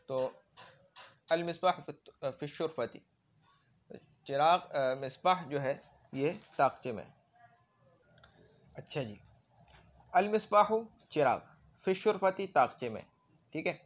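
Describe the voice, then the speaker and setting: A man's voice: fairly high pitch, expressive, long pauses. A man teaching Arabic grammar in a classroom-style lecture, explaining with everyday examples and often checking that listeners follow. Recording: dull lo-fi recording.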